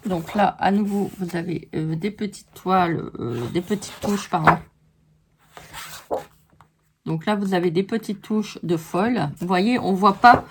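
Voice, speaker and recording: A woman's voice: on the low side, a little slow, background noise. A woman casually showing scrapbooking papers to viewers, chatting and giving frank opinions on each sheet. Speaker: scrapbooking vlogger. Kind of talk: casual show-and-tell of paper pads.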